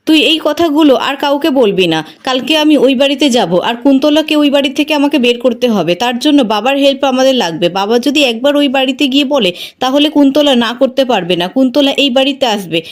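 A woman's voice: sits high, expressive, a little fast. A woman voicing a determined mother who lays out a plan with resolve. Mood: resolute. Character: determined mother planning a rescue.

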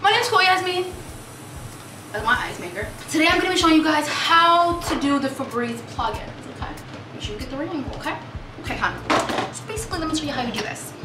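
A young lifestyle vlogger chats animatedly through a home vlog in her apartment, often laughing as a distant camera films her. Her voice sits high and she talks fast. The recording is roomy and echoey, away from the mic, with a noisy background.

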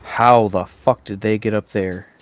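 A man's voice: on the low side, fairly even intonation, a little slow. A young man in casual, sweary, joking banter while playing a video game.

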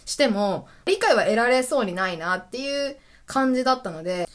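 Woman host with a stuffy nose, casual excited monologue, animated pitch. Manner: lively, enthusiastic, laughs often. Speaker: web radio host. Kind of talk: solo casual radio talk.

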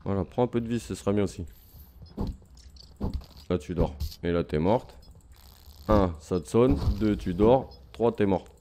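A man talks through a game in a low, mellow voice, chatting to his viewers and teasing the creatures he fights. A faint hiss of noise sits under the recording. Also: a little slow, long pauses. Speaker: gaming youtuber. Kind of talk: casual let's-play commentary.

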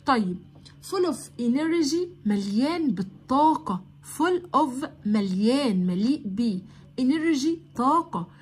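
Egyptian woman teacher, young, high husky voice, slow English and fast Arabic explanations. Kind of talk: classroom lesson explaining English grammar.

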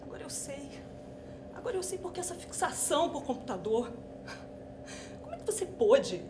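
Woman acting as a betrayed girlfriend, high voice, echoey room with noise. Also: very animated, moderate pace. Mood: furious. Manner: tearful pleading, then shouting in disgust. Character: betrayed young woman, disgusted and furious. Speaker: actress in a drama exercise.

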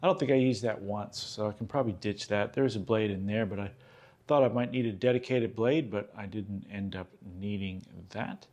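A man in his fifties from Australia, hosting a casual gear vlog and chatting in a relaxed way with lots of "uh"s, recorded at a table in a small room. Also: lowish voice, moderate pace. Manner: relaxed, chatty, many "uh" fillers. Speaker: host. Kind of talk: casual show-and-tell vlog.

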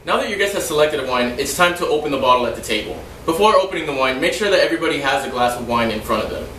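Racing along in a voice on the high side, a young man demonstrates serving wine as a restaurant server trainer, explaining steadily with some loose asides. He's indoors in a house's dining room, filmed from a distance by a camera without a visible mic, and the audio has a roomy echo and slight hiss or hum.

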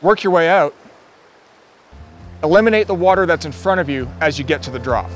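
A man hosts a fly-fishing show from the riverbank, his voice sitting a bit high for a man. He exclaims and laughs over big catches and then slides into practical tips. Soft music plays faintly beneath him. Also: lively intonation, fairly quick. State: out of breath at times. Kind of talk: excited on-the-water fishing commentary. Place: outdoors on a river.

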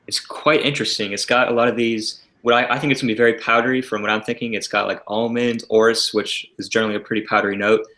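A man co-hosting a livestream in casual chat, relaxed and talkative, laughing often and using lots of filler words. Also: medium pitch, quick pace, hardly any pauses. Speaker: livestream co-host. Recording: roomy echo.

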